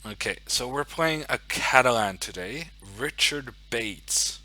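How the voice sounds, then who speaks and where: Setting up for his live chess stream, a young man from Norway talks casually and mutters his thoughts aloud in a Norwegian accent. His medium-pitched voice is expressive, bright and forceful, a little slow, and the audio quality is poor.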